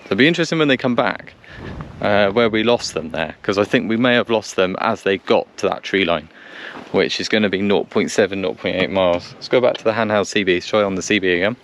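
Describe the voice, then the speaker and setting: This man, a vlogger, talks a little fast in a lowish, slightly bright voice while trying out two-way radios on a country lane. He makes radio calls and keeps up casual, repetitive commentary as he thinks aloud, with vehicles audible in the noisy recording.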